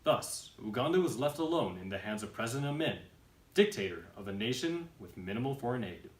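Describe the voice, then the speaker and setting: A man's voice: mid-range voice, expressive, a little fast, reverberant. A man giving formal, scripted narration in the style of a historical documentary.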